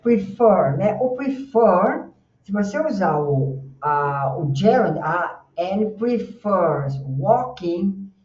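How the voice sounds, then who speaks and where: A woman with a Brazilian Portuguese accent teaches English grammar at a slow, unhurried pace. Her voice is low and mellow. She sounds distant and roomy through a dull, lo-fi recording. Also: animated. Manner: patient, explanatory, models English words slowly. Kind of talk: grammar lesson explaining slides.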